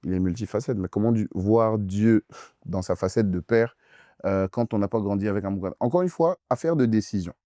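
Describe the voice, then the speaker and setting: A man's voice: lowish voice, brisk, mellow, no room sound, clean studio sound. A young man preaching as pastor in a youth question-and-answer session, emphatic and insistent, repeating phrases straight at the listener.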